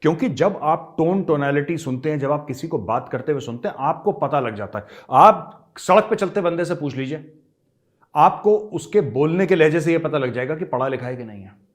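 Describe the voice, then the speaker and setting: A man's voice: a little high, lively intonation, moderate pace. A middle-aged man giving emphatic political commentary, talking straight to his viewers and repeating his points for emphasis. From India.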